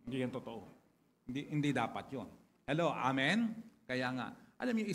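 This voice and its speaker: A man preaching a sermon to his congregation, chatting casually at first, then building to louder, lively preaching. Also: medium pitch, slight background noise. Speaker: pastor.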